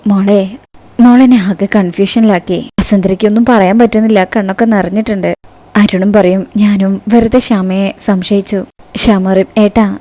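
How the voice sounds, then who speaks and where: A woman narrates a TV serial episode in a casual recap. Her voice is warm and mellow at a middle pitch. She moves steadily through the plot and voices the characters' quoted dialogue as she goes. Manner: recounts scenes, quoting each character in turn.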